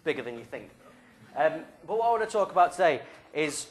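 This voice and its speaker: A young youth leader in a small church hall with a stage and drum kit speaks to the group through a handheld mic, playful and joking like a game-show host. His voice is fairly high, sing-song and brisk.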